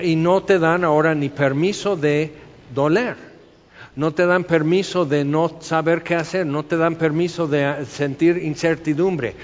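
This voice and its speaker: A man's voice: fairly high pitch, a little mellow. A man with a Mexican accent preaching a sermon as a pastor, talking conversationally and asking the congregation rhetorical questions. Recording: reverberant hall, slightly dull sound.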